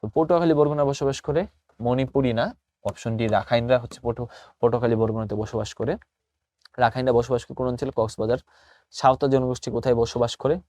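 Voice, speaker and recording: A man's voice: medium pitch, fairly even intonation, fast talker, warm tone, dry recording. A young man, tutoring through quiz questions in a casual recorded lesson, repeating answers and tripping over hard names. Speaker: admission test tutor.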